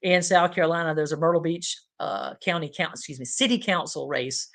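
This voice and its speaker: A man's voice: on the high side, fairly quick, a bit bright. A man hosting a political podcast, talking in a casual, opinionated way with many fillers.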